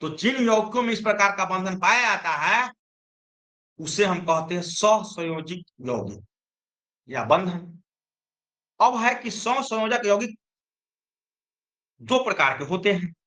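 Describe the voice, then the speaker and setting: Male teacher, high bright voice, quizzes the class as he explains. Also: expressive, a little slow, long pauses. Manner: explains with repeated questions to students. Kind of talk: chemistry lesson.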